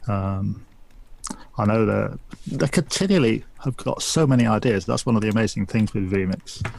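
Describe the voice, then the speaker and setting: Guy chatting on a panel, gravelly fry in his voice, bit of background noise. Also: lowish voice, moderate pace, a little mellow. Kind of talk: casual panel chat.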